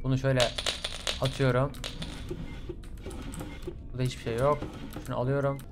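A young man commentating his own horror game playthrough, swearing often, bursting into yells and slipping into English curses. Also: medium pitch, moderate pace, over music. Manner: excitable, swears a lot, sudden yelling outbursts. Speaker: gaming channel host. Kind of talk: let's play commentary.

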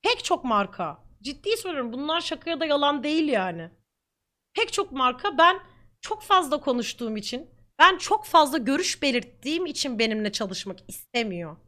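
A woman streamer speaks bluntly and defiantly, talking at length. Her high voice is bright and lively, swinging widely in pitch. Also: a little fast. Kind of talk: reacting to comments on camera.

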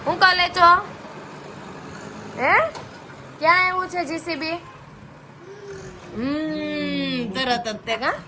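A woman's voice: very high-pitched, animated, measured pace, long pauses. A woman chatting through a home vlog, often cooing in baby talk to an infant. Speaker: vlogger. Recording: noisy with passing traffic.

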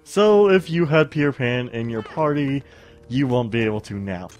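In a casual let's play, a young man with a mid-range, somewhat stuffy voice rambles and gets distracted, filling gaps with fillers and bits of humming. His intonation is lively, his pace moderate and his tone darkish. He records on a studio mic at home with faint game music behind him, and the audio sounds dull.

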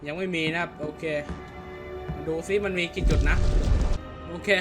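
Excitable man doing game commentary. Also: a little high, normal speed. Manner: crude, jokey, excitable. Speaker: gaming channel host. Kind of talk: horror game let's play commentary. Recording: loud game music under voice.

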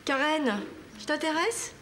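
A smug, catty young woman teases and brags in a high voice. Her remarks are sharp and boastful. A clear hiss runs under the sitcom audio. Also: expressive, a little slow. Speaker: sitcom character. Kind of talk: 1990s TV sitcom acting. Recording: TV sitcom audio with background noise.

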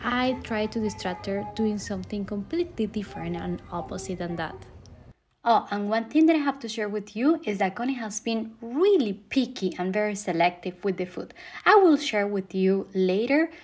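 A Venezuelan woman whose first language is Spanish vlogs casually to the camera about her dog from an echoey living room. Her mid-range voice is animated and moves at a normal speed.

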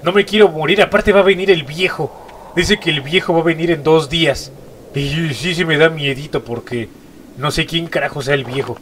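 Stuffy-nosed Mexican gamer, jumpy. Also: male voice, a little high, moderate pace, a bit bright, slight background noise. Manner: jumpy, repeats short exclamations. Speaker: gaming YouTuber. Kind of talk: horror gameplay commentary.

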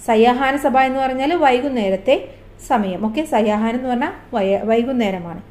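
Female teacher, fairly high voice, reads a story aloud and explains words along the way for a lesson recording. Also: normal speed, a little mellow. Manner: explains terms and asks the class questions.

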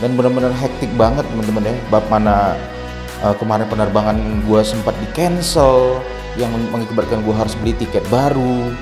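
Indoors in his bare new rented house, a tired man gives a casual vlog room tour, chatting with viewers like friends. The room echoes strongly and faint music plays. His voice is fairly low and brisk.

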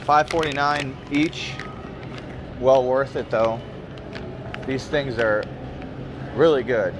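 Taking it slowly in a medium-pitched voice, a retro game store owner from America chats to camera on a shopping trip through a store, parking lot and supermarket. The vlog is relaxed, full of crude, boastful banter, and the background is noisy.

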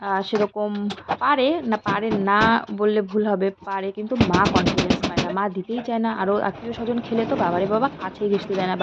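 A woman narrates her home cooking vlog in a quick, chatty ramble, as if the viewers were friends. Her voice is mid-pitched. The audio is dull and lo-fi, with faint background noise. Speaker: vlogger, housewife. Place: home kitchen and yard.

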